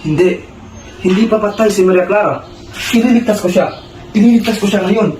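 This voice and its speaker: A man's voice: fairly high pitch, normal speed, natural voice. A man playing a stern scheming revolutionary. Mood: frantic. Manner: intense, commanding, urgent. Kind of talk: amateur student stage drama. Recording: echoey room with background noise.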